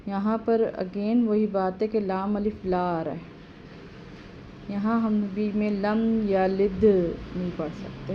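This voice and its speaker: A woman teaching correct prayer recitation, chanting each verse slowly and then explaining it quickly and quietly. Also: mid-range voice. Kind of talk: tajweed lesson with slow chanted recitation. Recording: slightly dull audio with faint background noise.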